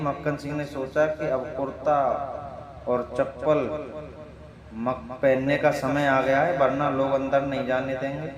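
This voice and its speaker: A man from north India narrating a folk tale casually, often correcting himself as he goes. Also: on the high side. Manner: loose, self-correcting storytelling. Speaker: storyteller. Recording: roomy sound with crowd chatter behind.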